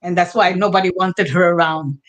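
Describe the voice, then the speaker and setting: A woman's voice: fairly low pitch, steady tone, brisk. A woman from Brooklyn with a New York Puerto Rican accent, speaking heartfelt in a panel discussion and mixing Spanish phrases into her English. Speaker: panel guest.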